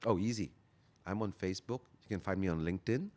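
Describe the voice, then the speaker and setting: A man, talking earnestly as a guest and slowing down to stress his key phrases. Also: low voice, mellow. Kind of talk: motivational interview talk.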